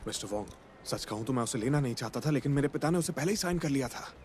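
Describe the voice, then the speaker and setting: A man voicing a young team manager who apologizes and tries to calm his boss in a dubbed film. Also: medium pitch, rapid-fire, slight background noise, natural voice. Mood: placating. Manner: placating, apologetic.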